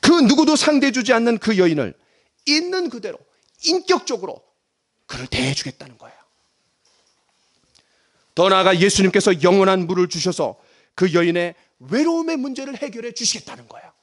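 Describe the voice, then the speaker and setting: Animated high-pitched male pastor preaching. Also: brisk, pauses often. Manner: dramatic, swings between loud emphasis and hushed near-whispers; leads congregation in reading aloud. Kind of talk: sermon.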